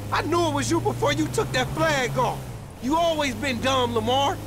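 An actor playing an angry, defiant rival gang member in a video game, taken hostage, yelling and cursing. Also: male voice, very high voice, animated, moderate pace, music in the background. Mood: taunting. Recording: video game dialogue with loud noise.

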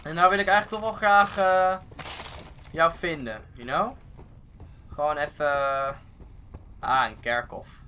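A man giving excitable let's play commentary on a game, swearing often and slipping English phrases into his talk. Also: on the high side, unhurried, pauses often. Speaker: gaming video host. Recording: steady background noise.

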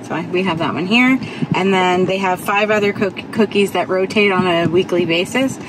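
A woman's voice: on the low side, normal speed. Chatty woman tasting sweets in a car. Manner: chatty, explains as she eats. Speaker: vlog host. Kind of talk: casual taste-test vlog. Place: parked car, indoors. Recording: noisy car interior.

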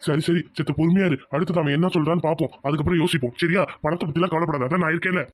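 A man's voice: a little high, rapid-fire, no echo, close to an everyday voice. A man voicing a protective elder brother in a cartoon, firm and reassuring. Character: protective elder brother, village head of family. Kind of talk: cartoon voice acting.

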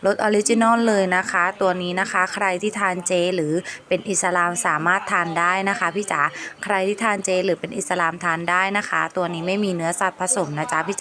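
A woman live seller giving a repetitive, coaxing sales pitch to viewers, with polite endearing address. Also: sharp tone.

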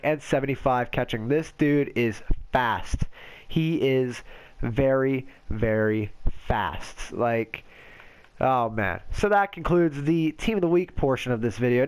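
A man's voice: mid-range voice, clear, resonant tone, poor audio. A man with a stuffy, nasal voice from a cold, casually rambling through game commentary and reading off player stats. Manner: rambling, reads off player stats, self-correcting. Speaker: game video host.

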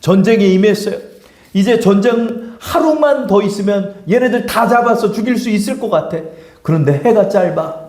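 A male pastor preaching a sermon in an animated, conversational way, full of rhetorical questions. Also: sits high, moderate pace, roomy sound. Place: church sanctuary.

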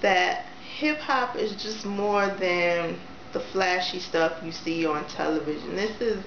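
A woman's voice: fairly low pitch, slow pace, a bit bright. A young woman reviewing a book in a casual vlog, chatty and enthusiastic, with lots of fillers, talking close to her camera in a small room. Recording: roomy, dull lo-fi camera audio with faint hiss.

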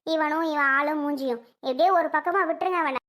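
A woman playing a practical middle-aged wife who briskly scolds her husband in a home-made family drama skit. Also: high-pitched, a bit bright. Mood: scolding.

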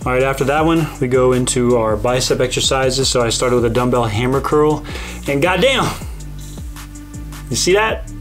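A young man in his twenties talks through a home vlog voiceover in an easy, rambling way, full of fillers. His pitch sits in the middle of the range. Clear background music runs under his voice. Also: normal speed. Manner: relaxed, rambling with many fillers. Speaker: fitness vlogger.

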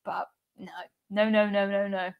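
A woman's voice: medium pitch, flat delivery, measured pace, creaky, smooth, highs cut off. A young woman hosting a cruise live stream, chatting casually and reading out viewer comments, laughing often and repeating words. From United Kingdom. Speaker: cruise channel host.

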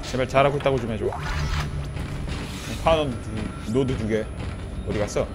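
A man doing let's play commentary on a horror game, pleading with and yelling at enemies in a panic, then muttering to himself as he plays. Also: mid-range voice, moderate pace. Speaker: gameplay commentator. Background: loud horror game music and sound effects.

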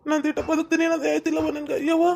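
A woman's voice: high-pitched, monotone, gravelly, music in the background. Woman playing a moaning sick village husband. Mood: groaning.

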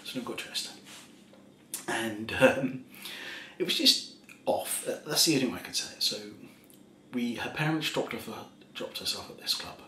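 A tipsy man in his thirties telling a rambling ASMR story in a soft voice, chuckling often and slipping into half-whispers. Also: medium pitch, lively intonation, normal speed. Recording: roomy echo, faint background hiss.

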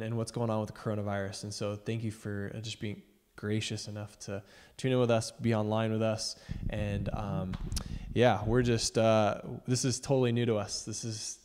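Halting middle-aged pastor in reverberant hall. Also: male voice, fairly low pitch. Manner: relaxed, halting with many fillers. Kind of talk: casual church announcements. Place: church stage with screen, indoors. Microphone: handheld mic.

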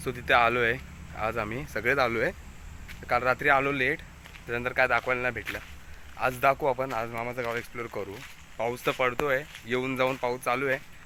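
A man's voice: mid-range voice, little pitch movement, a little fast, bright, forceful tone. A man with a Konkan Marathi accent, vlogging casually as he walks through a rainy village and points things out to viewers. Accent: Konkani-region Marathi. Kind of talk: casual travel vlog chat. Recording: outdoor noise in the background.

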